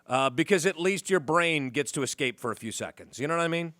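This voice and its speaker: A man's voice: a little high, lively intonation, brisk, a bit bright, no room sound, clean studio sound. Wry joking male radio host. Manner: wry, joking, lots of fillers. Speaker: radio talk show host. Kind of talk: casual morning radio talk. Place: radio studio. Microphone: studio microphone.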